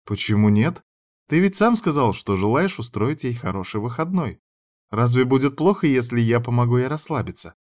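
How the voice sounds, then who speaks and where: A man's voice: mid-range voice, lively intonation, moderate pace, natural voice. A man voicing a teasing, sly young blonde woman who drawls her mocking lines in a raised voice.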